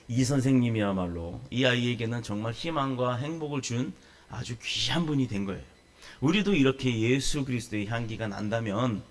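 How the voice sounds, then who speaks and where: Gravelly-voiced Korean pastor preaching. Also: male voice, mid-range voice, a little hiss or hum. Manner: storytelling, asks the congregation questions. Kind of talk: sermon.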